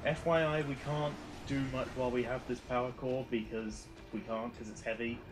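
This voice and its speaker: A man's voice: medium pitch, flat delivery, moderate pace, background noise. A man explaining game mechanics and teasing his co-op partner. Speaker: co-op gamer. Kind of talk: casual gameplay chat.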